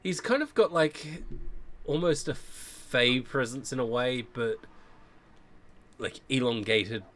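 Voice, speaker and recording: A man's voice: medium pitch, slow, fairly bright tone. A man narrating as game master, loosely searching for words with um and like.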